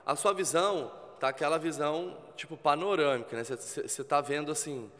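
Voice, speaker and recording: Calm Brazilian man, slightly high voice. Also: brisk, big-room sound. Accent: Brazilian Portuguese. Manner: calm, explanatory, coaching tone. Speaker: podcast guest, TV presenter. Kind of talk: casual interview talk. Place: podcast studio with spotlights.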